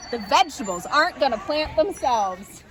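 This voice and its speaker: A woman voicing a fussy, bossy male rabbit in a children's story, brisk and exclamatory. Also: high voice, sing-song. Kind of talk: children's storybook character reading.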